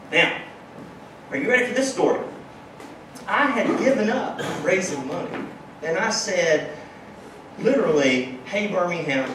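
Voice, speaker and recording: A man's voice: fairly high pitch, a little hiss or hum. Emphatic man in an echoey hall. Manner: emphatic, punctuates with "okay?". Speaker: startup founder giving a talk. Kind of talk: conference keynote storytelling. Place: large conference room with audience. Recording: very echoey hall, distant mic.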